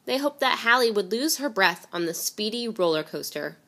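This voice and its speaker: Bright-voiced woman reading a picture book. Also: medium pitch, moderate pace. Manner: expressive, storytelling delivery. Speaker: reader.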